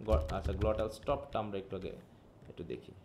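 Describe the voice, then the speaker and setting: Over some background noise, a man with a fairly low, sing-song voice leads a live online phonetics lesson as an English teacher. Bengali is his first language; he reads English aloud slowly, explains step by step, and checks in with the class.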